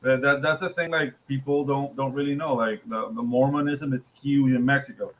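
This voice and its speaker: A male co-host talking loosely and animatedly, circling back over his words as he spins a story. His voice sits at an ordinary middle pitch for a man, in a relaxed chat. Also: moderate pace, poor audio. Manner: rambling, animated storytelling with frequent repeats. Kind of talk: casual chat.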